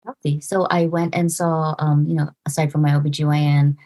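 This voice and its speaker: A woman in her forties from the Philippines, speaking as a podcast guest. Her voice sits low with a mellow, relaxed tone, and she talks earnestly, halting and restarting her thoughts. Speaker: podcast guest, nurse practitioner. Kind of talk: casual interview conversation.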